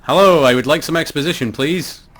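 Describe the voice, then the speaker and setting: A man's voice: fairly high pitch, brisk, fairly bright tone, pitched above the performer's own voice. A man playing a pompous, mock-polite customer in a comic game review aside.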